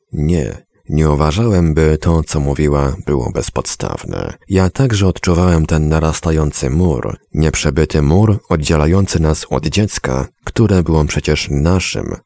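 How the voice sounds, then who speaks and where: A man narrating a story in a measured, somber audiobook reading. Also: rumbling low, lively intonation, creaky, mellow, no room sound.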